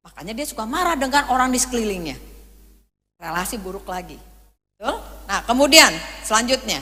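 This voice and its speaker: A woman's voice: high-pitched, bright, forceful tone, big-room sound. A woman pastor preaching a sermon, telling stories and acting out quoted voices as she speaks to her congregation. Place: church hall.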